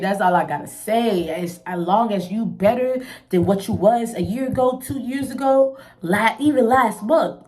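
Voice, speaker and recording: A young woman in a candid, casual vlog talk, expressive and chatty, swinging between quiet musing and bright laughing bursts. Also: medium pitch. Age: young adult. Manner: candid, expressive, peppers talk with "you feel me". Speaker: vlogger.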